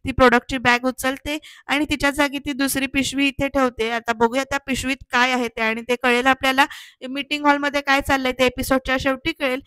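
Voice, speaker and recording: A woman's voice: high-pitched, a bit bright, clean tone, dry recording. A woman narrating a casual voice-over recap of a TV serial, talking straight to her viewers in a chatty way. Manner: addresses viewers directly, chatty. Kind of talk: casual voice-over episode retelling.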